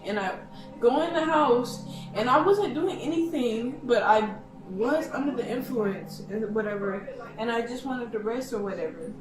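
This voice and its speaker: A woman's voice: a little high, lively intonation, moderate pace, echoey room, distant mic, music in the background, rough recording. A young woman explaining herself to police, defensive and dismissive. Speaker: daughter speaking to police.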